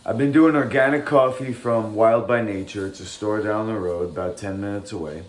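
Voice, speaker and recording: A man's voice: fairly low pitch, steady tone, normal speed. A man rambling casually in a morning vlog, his speech slightly thick from a swollen, bitten tongue. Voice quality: slightly thick, impeded articulation. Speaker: vlogger. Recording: roomy echo, faint background noise.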